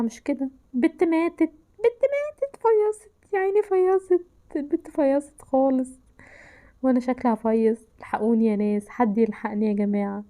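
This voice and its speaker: A woman's voice: a little high, warm tone. A woman with an Egyptian Arabic accent, commenting while she plays a horror game, frightened and exclaiming, often dropping into whispers. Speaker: gameplay narrator.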